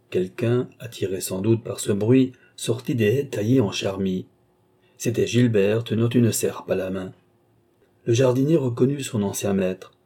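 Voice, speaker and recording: A male audiobook narrator reads a classic novel in a measured, even storytelling manner. His voice is low and dark. It carries a husky texture.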